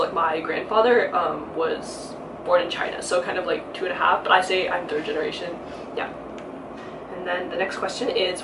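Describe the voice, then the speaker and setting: A young woman guest chatting casually and relaxed, often saying "um" and "like.". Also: fairly low pitch. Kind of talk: casual chat. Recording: echoey room, mic at a distance, background hiss.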